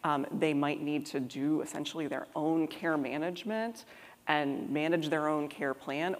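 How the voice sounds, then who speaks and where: A woman on a conference panel giving a measured, explanatory answer. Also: sits low. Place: conference stage in a large hall. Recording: long reverb of a large conference hall.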